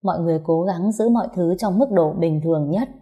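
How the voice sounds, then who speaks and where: Low, mellow woman storyteller. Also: fairly quick. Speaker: narrator. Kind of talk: storybook narration.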